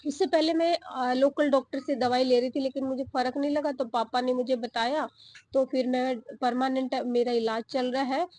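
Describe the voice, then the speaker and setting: Breathless woman speaking slowly, high warm voice. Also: steady tone, no room sound. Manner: slow, breathy-paced talk with pauses. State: short of breath. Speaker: vlogger. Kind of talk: casual vlog talk to camera. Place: home garden outdoors.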